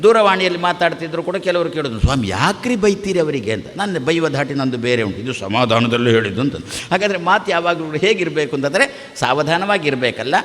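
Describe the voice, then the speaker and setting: A man giving a devotional sermon, asking rhetorical questions and answering them himself in a steady listing cadence. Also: long reverb tail. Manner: acts out quoted exchanges with shifting pitch. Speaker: religious teacher giving a discourse.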